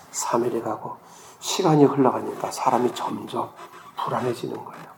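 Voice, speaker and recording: A middle-aged man pastor telling a story in a sermon, shifting between hushed and loud delivery. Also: mid-range voice, creaky, echoey room, long reverb tail, a little hiss or hum. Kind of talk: sermon testimony.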